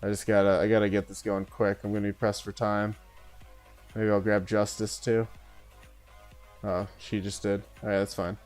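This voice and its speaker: A man with a lowish, smooth and resonant voice chats his way through a live game stream. He thinks out loud and often drops in "uh" and "right?". Soft music plays in the background. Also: flat delivery, normal speed, long pauses. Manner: chatty, thinking aloud with many "uh" and "right?". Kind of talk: casual live gameplay commentary.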